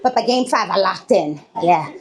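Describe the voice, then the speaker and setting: A woman's voice: medium pitch, lively intonation, normal speed. A woman performing a stand-up comedy set on stage, telling a story and laughing between her lines. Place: comedy stage before a live audience.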